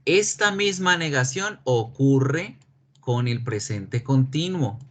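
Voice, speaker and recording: A male English teacher whose first language is Spanish, giving an online class in a slow, patient way and often checking that students follow. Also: mid-range voice, lively intonation, a bit bright. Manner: slow, patient explaining with frequent check questions. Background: keyboard typing.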